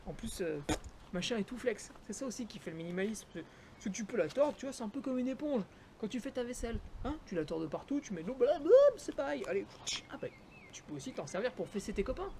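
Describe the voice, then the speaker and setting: A man's voice: high-pitched, expressive, quick pace, darkish tone, a little hiss or hum. A young man, a trail runner, chatting casually and jokingly to the viewer while reviewing his running shoes. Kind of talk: casual gear review vlog.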